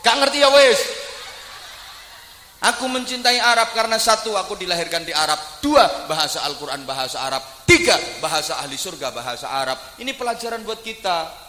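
High, sharp-voiced preacher. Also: male voice, expressive, brisk. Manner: jokey, switches between playful asides and loud declamation. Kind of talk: humorous sermon. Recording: echoey hall with long reverb.

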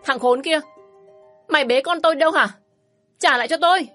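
A woman voicing a fiery, fed-up divorced young mother who talks sharp and scornful and shouts in anger in a storybook reading. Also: mid-range voice, a little fast, soft background music, lightly acted. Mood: screaming. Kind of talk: storybook narration.

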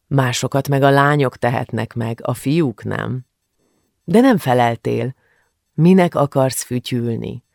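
Man reading a big, kindly father, gentle and teasing, with a gravelly low-key tone. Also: dry recording, studio quality, natural voice. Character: big, good-humoured father of a young girl.

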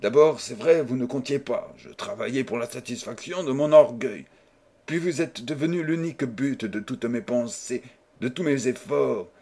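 A man's voice: medium pitch, normal speed, mellow, husky. Man voicing a fervent, imploring husband, proud and desperate. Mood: pleading. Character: proud desperate man pleading with his wife.

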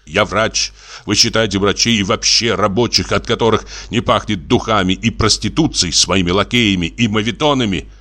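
A man's voice: lowish voice, moderate pace, pushed and bright. A man reading the part of a bitter, furious middle-aged country doctor, harsh and biting, clipping every word.

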